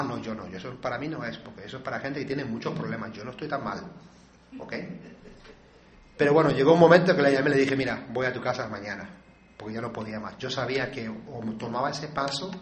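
A man's voice: mid-range voice, fast, a bit bright, reverberant. Earnest man telling his own story. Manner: earnest, confessional storytelling with acted quotes. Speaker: speaker sharing his recovery story. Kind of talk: personal testimony.

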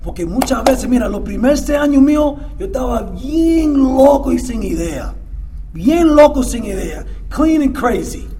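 A middle-aged Dominican man telling his recovery story in casual, repetitive talk, dropping English fillers into his Spanish and swinging between quiet murmurs and loud outbursts. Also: very high voice, lively intonation, measured pace, a crowd in the background. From Dominican Republic. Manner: mixes English fillers into Spanish, stammers and repeats words. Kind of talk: casual testimony.

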